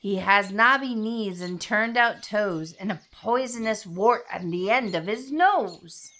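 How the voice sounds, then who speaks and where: A woman voicing a small, clever brown mouse in a storybook read-aloud, chirpy and excitable. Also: medium pitch, takes it slowly. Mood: boastful.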